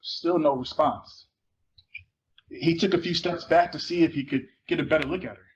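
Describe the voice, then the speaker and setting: In a slightly high voice at a moderate pace, a theater performer dramatically reads from a novel, both narrating and acting out the dialogue. The live recording sounds muffled, with faint noise.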